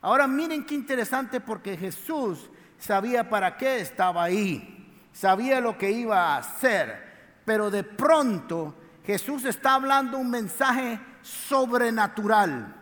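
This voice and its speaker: High-voiced male preacher, loose and lively. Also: unhurried. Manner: colloquial, lively storytelling with slang. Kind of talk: sermon. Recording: echoey hall.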